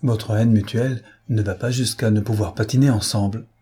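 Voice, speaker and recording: A man voicing a gentle, tactful princess who softly admonishes a young girl in a read novel. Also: fairly low pitch, steady tone, normal speed, slightly rough.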